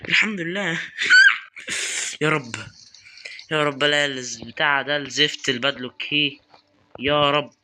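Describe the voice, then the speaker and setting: A man's voice: on the high side, moderate pace, pauses often, background noise. A young man with an Egyptian Arabic accent commentating a horror game, nervously muttering prayers and taunting the game. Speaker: gaming YouTuber.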